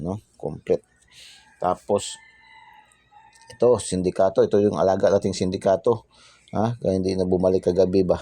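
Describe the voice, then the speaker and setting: A lottery tip channel host with a very low, dark, mellow voice chats casually in a dry, close recording with no echo. He constantly tacks "ha?" and "no?" onto his lines, repeats tag phrases, and drops to a whisper for the secret numbers.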